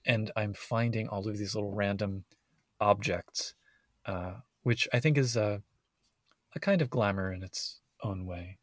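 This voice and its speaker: A man's voice: lowish voice, a little slow, no echo, clean studio sound. A man co-hosting a podcast in casual conversation, recorded inside a closet at home. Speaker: podcast co-host.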